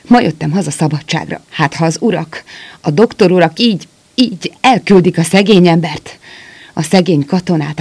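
A man voicing an old, desperate soldier and father who pleads in a halting, breathless way. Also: fairly high pitch, creaky.

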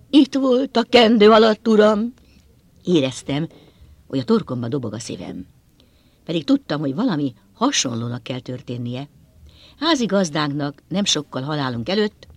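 Expressive male audiobook narrator. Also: fairly high pitch, no room sound. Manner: expressive, dramatic reading. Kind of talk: first-person novel narration.

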